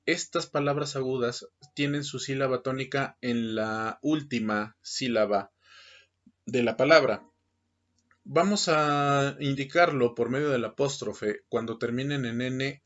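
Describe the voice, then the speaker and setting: Guy teaching a lesson, lots of ums, kinda muffled low-fi audio, mid voice. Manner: patient, explanatory, many filler pauses. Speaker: Spanish teacher. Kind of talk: recorded classroom lesson. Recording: dull lo-fi recording.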